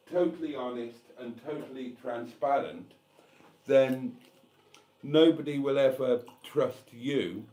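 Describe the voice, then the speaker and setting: Male streamer, 50s, mid-pitched, frank and foul-mouthed, drifts off on tangents while reading comments. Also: darkish tone. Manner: blunt, candid and sweary, rambling asides. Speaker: livestream host. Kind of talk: casual live-stream chat reading comments.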